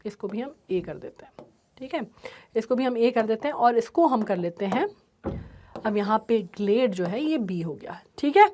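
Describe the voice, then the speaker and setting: Woman teacher with a high voice, explains a poem step by step and keeps checking in with her students. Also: expressive, normal speed, a little mellow, a little hiss or hum. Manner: repeats "ठीक है" often, mixes English terms into Hindi.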